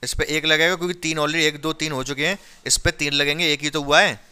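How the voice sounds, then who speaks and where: Guy teaching chemistry in class, really bright clear voice, keeps asking if everyone gets it. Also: a little high, steady tone, a little fast. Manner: questioning, drills students with repeated checks. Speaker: science teacher.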